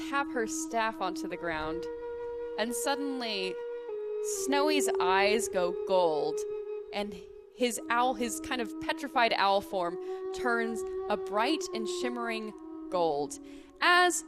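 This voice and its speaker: A young woman narrating a tabletop game as game master, measured and pausing between phrases, on a headset mic. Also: a little high, lively intonation. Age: young adult. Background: background music.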